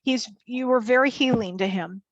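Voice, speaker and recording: A woman's voice: on the high side, normal speed, dry recording, dull audio. A woman working as a psychic medium, relaying messages hesitantly in short, restarting phrases. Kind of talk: live mediumship reading.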